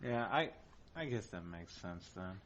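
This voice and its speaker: A man's voice: low-pitched, animated, measured pace, fairly bright tone. A man hosting a casual gaming podcast, chatting loosely and signing off the show. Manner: laid-back, loose and chatty, signs off the show. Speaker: podcast host.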